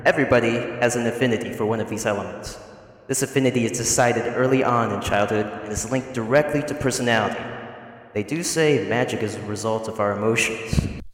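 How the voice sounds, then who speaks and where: A man's voice: medium pitch, fairly quick. A man voicing a robed male magic teacher on a rocking ship, his lines put through a digital echo effect as a memory in a tabletop game. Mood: lecturing. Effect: digital echo, added because it is a memory. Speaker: game master.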